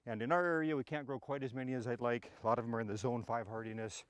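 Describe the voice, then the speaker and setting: A man's voice: mid-range voice, steady tone, quick pace. A man hosting a gardening video outdoors, talking casually and with enthusiasm while trudging through snow, a bit out of breath. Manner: casual, enthusiastic, plain-spoken. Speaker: gardening channel host. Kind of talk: walking garden tour talk. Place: snowy yard outdoors.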